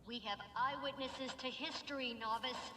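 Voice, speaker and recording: A woman's voice: high-pitched, steady tone, moderate pace, bright, forceful tone, reverberant, long reverb tail, a little hiss or hum. A woman voicing an imperious, driven magister in a video game, formal and commanding. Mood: stern. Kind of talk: scripted game acting.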